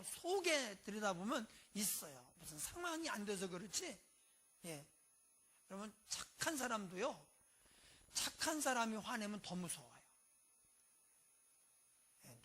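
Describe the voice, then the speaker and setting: A pastor preaching a sermon in a conversational way, often dropping in short affirmations and shifting between loud and quiet. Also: mid-range voice, slightly rough.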